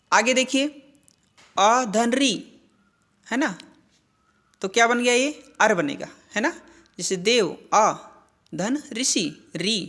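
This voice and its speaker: A man's voice: high voice, pushed and bright. A man teaching grammar in a video lesson, who asks a question and then answers it himself. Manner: repeats questions and answers them, frequent "ठीक है". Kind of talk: slow classroom-style explanation.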